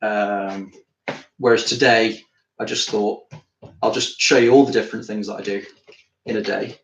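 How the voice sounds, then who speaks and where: A man's voice: on the low side, steady tone, normal speed, gravelly. A British man, an artist chatting casually on a live stream while he works, rambling and thinking aloud, a bit tired after climbing. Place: art studio. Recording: roomy studio with faint noise.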